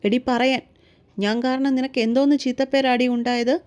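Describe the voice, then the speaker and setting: A hot-tempered young man who shields those he loves, as a woman reads him out. He swings between furious shouts and soft, coaxing words to a small child. The story is told in a warm, mellow voice. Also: high voice, steady tone, a little fast, clear, resonant tone, lightly acted. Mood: angry. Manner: shouting in anger, cooing softly to a child. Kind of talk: audiobook story reading.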